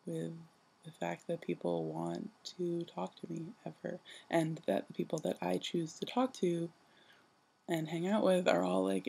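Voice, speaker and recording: Young woman vlogging right after waking up, lowish mellow voice, kinda rambly and self-deprecating, husky. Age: young adult. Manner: just woke up, low-key and sleepy. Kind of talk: casual personal vlog monologue.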